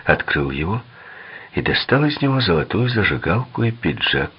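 A man narrating a crime novel audiobook in an expressive, dramatic reading. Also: low-pitched, normal speed, breathy edge, dull audio.

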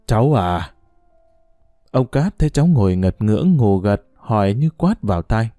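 A man narrating a story in an expressive reading voice with faint background music. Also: on the low side, a little fast, dry recording, studio quality. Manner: expressive reading with lively intonation.

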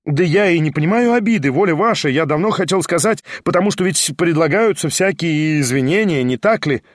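A man voicing a reserved, compassionate second, speaking with measured effort. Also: a little high, no room sound, clean studio sound, close to an everyday voice. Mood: agitated.

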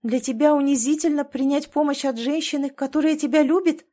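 A woman's voice: high-pitched, fairly even intonation, a little fast, mellow, pitched above the performer's own voice, natural voice. A woman reading an audiobook and voicing a strong-willed woman who argues insistently, with a steely edge in her voice. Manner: insistent, pleading and emphatic. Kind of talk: audiobook character voice.

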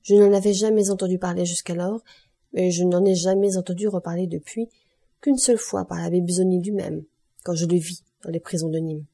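Husky lady reading an audiobook, warm dark voice, bit of lift for the dialogue. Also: on the low side, steady tone, brisk. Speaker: audiobook reader. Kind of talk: scripted narration.

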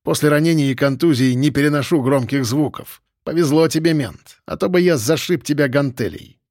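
A man voicing a sullen, spiteful male detainee who mutters low and sneers. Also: brisk, a little mellow, no room sound, clean studio sound, lightly acted. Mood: bitter.

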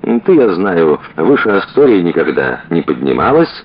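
A man's voice: sits low, big pitch swings, moderate pace, breathy edge, lo-fi sound, full character voice. A man reading aloud and voicing a flippant young woman, a former society girl, who teases and chatters brashly. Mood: chattering.

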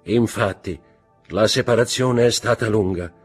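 A man's voice: on the low side, a little slow, breathy edge, soft background music, voice pushed up. A man voicing a pompous older man who poses as a father, grave and stiff.

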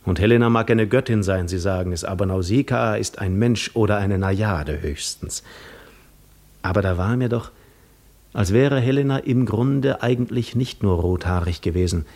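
With a fairly low pitch and a moderate pace, a man performs this 1950s German radio monologue as a restless, longing sailor adrift in daydreams. The reading is lyrical and dramatic, moving from quiet to impassioned, and carries a tender, reverie-like feeling.

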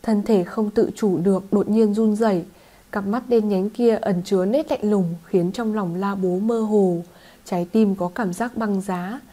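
A woman narrating a fantasy novel as an audiobook in a steady, even reading voice. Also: medium pitch. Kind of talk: scripted narration.

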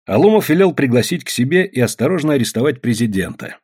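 A man narrating a novel aloud in an expressive storytelling manner. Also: medium pitch, fast talker, breathy edge. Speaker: audiobook narrator. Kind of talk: scripted narration.

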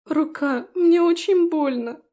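Female narrator doing a haughty young noblewoman, high and mellow, scheming behind fake tears. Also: expressive, moderate pace, lightly acted. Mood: pleading. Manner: tearful pleading, then mocking.

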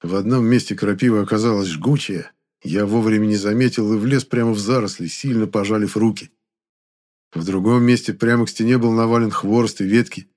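A man narrating a first-person story with a steady, even reading. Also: lowish voice, brisk. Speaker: audiobook narrator.

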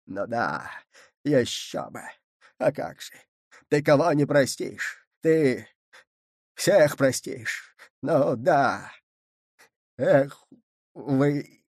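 A man doing a gruff, grumbling old grandfather. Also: mid-range voice, expressive, extremely slow, pauses often, no room sound, clean studio sound, heavily acted. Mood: bitter. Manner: gruff, muttering.

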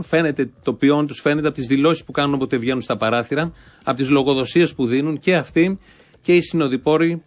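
A man hosting a satirical show, giving fiery, sarcastic political commentary and rallying his listeners. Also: a little high.

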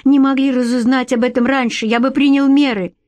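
A woman voicing a young boy who shouts in desperation, read in an audiobook. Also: high voice, fairly even intonation, fairly quick, dry recording, voice pushed up, lightly acted. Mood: agitated. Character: agitated young boy, the hero.

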